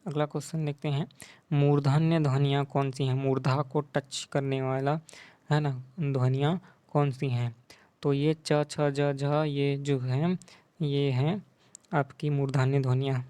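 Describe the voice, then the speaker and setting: A male tutor talks through quiz answers in an even, level voice that barely rises or falls. He keeps checking in with the listener after each point. The sound is close and dry, with no room echo. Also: mid-range voice, a little slow, clear, resonant tone. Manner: repeats "ठीक है" and "है ना" often. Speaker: teacher.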